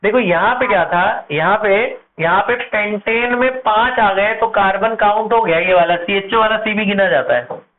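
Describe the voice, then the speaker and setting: A man teaching chemistry at a board, asking his class questions and answering them himself, slowing down to spell out compound names. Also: sits high. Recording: tinny phone-like audio with faint noise.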